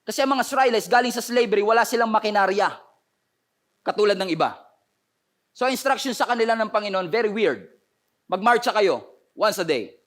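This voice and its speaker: A man's voice: sits high, quick pace, a bit bright. A man with a Filipino accent preaching a sermon, telling the story with energy and acting out the voices of the people in it. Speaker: pastor.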